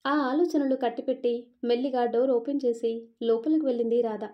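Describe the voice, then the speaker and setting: A woman narrating a romantic story in a lively, expressive reading. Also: on the high side, fairly quick. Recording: dull lo-fi recording.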